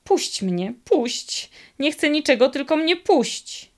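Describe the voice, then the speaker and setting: A woman's voice: mid-range voice, slow, vocal fry. Woman doing a whining storybook devil. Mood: pleading. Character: male devil, crafty then whining.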